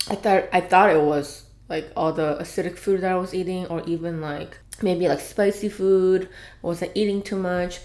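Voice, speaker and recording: A woman casually reviewing food in a halting, rambling way, talking between bites of crunchy food. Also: fairly low pitch, a little mellow. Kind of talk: casual mukbang chat while eating. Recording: echoey room, faint background noise.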